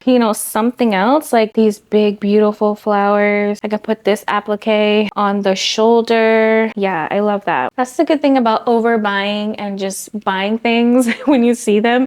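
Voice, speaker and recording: A young sewing vlogger with a medium, slightly mellow voice chats casually, sounding tired and a little out of breath. She rambles, leaning heavily on "like" and "so yeah."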